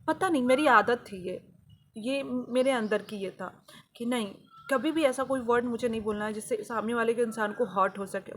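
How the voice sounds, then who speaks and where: Woman, self-healing vlogger, earnest and devotional, slightly high voice, faint hiss behind. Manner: earnest, repeats phrases for emphasis; spiritual, devotional. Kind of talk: confessional personal story.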